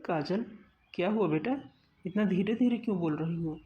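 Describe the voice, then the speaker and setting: A hardworking older farmer father in a cartoon talks calmly and lovingly, voiced by a man. The sound is muffled, with faint noise behind. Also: sits high, moderate pace, natural voice. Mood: caring. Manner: calm, explaining.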